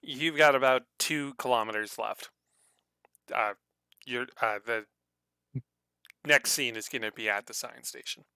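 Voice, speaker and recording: A man narrating a tabletop role-playing game as game master, halting and stumbling, with many fillers and restarts. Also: mid-range voice, creaky, bright, forceful tone, clean tone, dry recording.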